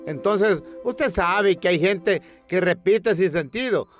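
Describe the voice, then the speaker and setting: A man's voice: sits high, slow pace, soft background music. A man with a Honduran accent telling a comic news monologue in a colloquial, storytelling way, acting out protest chants. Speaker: comic presenter.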